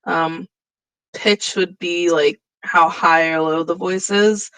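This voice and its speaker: A young woman teacher with a lower voice than most women, giving a casual, chatty recorded lesson and thinking aloud as she works. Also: fairly even intonation, slow, fairly bright tone, smooth, no room sound, rough recording. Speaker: drama teacher.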